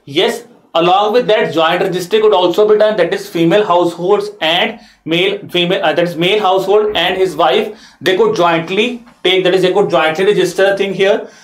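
High-pitched Indian man lecturing in echoey room. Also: fairly even intonation, fairly quick. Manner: explanatory, repeats phrases for emphasis. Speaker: exam-prep teacher. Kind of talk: classroom lecture mixing English with some Hindi asides. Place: indoor teaching studio in front of a screen.

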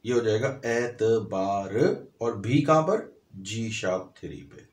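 A man's voice: fairly low pitch, expressive, normal speed, echoey room. A man teaching a piano lesson, explaining step by step, counting and naming notes aloud. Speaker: music teacher. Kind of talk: piano tutorial.

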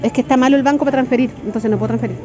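Chatty high-voiced Chilean woman vlogging. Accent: Chilean Spanish. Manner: chatty, excitable, quick to laugh. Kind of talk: casual shopping vlog. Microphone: handheld phone. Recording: dull lo-fi phone audio with noise.

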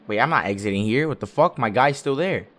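With a fairly bright, medium-pitched voice, a young man comments briskly and expressively on a horror game he's playing. He sounds nervous yet casual, full of slang and swear words, with music running behind him.

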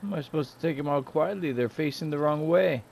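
A man's voice: fairly high pitch, fast, vocal fry, a little mellow, slight background noise. A man giving jokey, sarcastic let's play commentary over a game. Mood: joking. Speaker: gameplay commentator.

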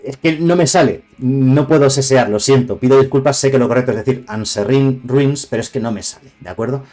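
A man with a Castilian Spanish accent talks his way through a live stream in a loose, rambling manner. He drifts off on tangents and greets his viewers by name. Faint music plays quietly behind him. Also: medium pitch, brisk. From Spain. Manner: chatty, digressive, greets viewers. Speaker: streamer reviewing card game cards. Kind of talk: casual live-stream commentary.

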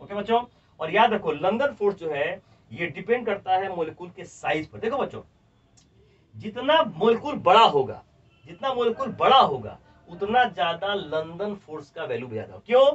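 A high-voiced man with a Bihari accent teaches chemistry with animated emphasis, calling his students children and repeating each step. He sounds set back from the mic, and the recording is dull and lo-fi. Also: breathy edge. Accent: Bihari Hindi. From India. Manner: emphatic, animated explaining, dictating notes word by word. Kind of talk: classroom chemistry lecture. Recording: distant, dull lo-fi classroom audio.

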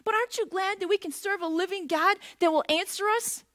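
A woman's voice: extremely high pitch, fairly quick, a bit bright. A middle-aged woman preaching a sermon in a church, talking conversationally and putting questions to the congregation. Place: church sanctuary.

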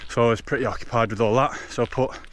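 A man's voice: medium pitch, fairly even intonation, quick pace. A man in his twenties with an English accent, chatting casually to his camera while out of breath from running. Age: 20s. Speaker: fitness vlogger. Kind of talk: casual vlog chat. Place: outdoors on a forest trail. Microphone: action camera at arm's length. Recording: noisy outdoor action-camera audio.

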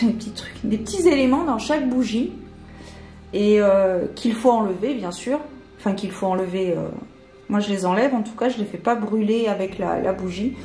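With a slightly high, darkish voice, a woman unboxes a candle while chatting casually. She sounds hesitant, filling gaps with fillers and restarting often. The recording has an echoey room and faint music.

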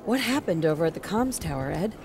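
A soothing field medic. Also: female voice, lowish voice, expressive, quick pace, noisy background. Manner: gentle and reassuring. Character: soothing female medic tending a patient.

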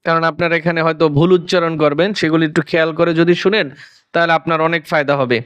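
A man teaching Quran recitation, sounding out syllables slowly and asking and answering his own questions. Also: on the high side, steady tone, a bit bright, clean tone, no echo. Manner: slow, drawn-out sounding of syllables. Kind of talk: spelling out recitation rules.

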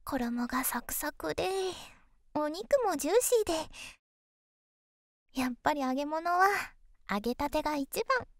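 A woman voicing an affectionate, teasing young girlfriend in an ASMR ASMR role-play, soft and coaxing, intimate pillow talk. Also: high voice, lively intonation, normal speed, pauses often, no echo, clean studio sound. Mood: playful, affectionate.

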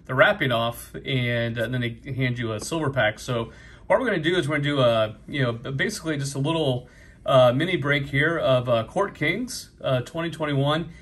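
A man's voice: medium pitch, moderate pace, a bit bright. A middle-aged man with a New England accent, casually chatting while opening trading card packs, full of fillers and upbeat remarks. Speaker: card collecting vlogger. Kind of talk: casual pack-opening commentary. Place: busy convention hall.

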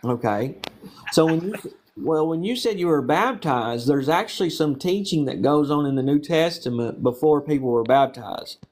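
A man with a Southern accent and a slightly high voice, asking questions in a casual street interview. He probes patiently and explains with everyday examples. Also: animated, moderate pace, darkish tone, a little hiss or hum. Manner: probing, patient, uses homely examples.

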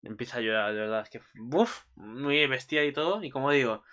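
A man's voice: mid-range voice, brisk, pushed and bright. A man giving a casual, rambling recap of an anime episode, swearing often and restarting his sentences. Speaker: anime commentator.

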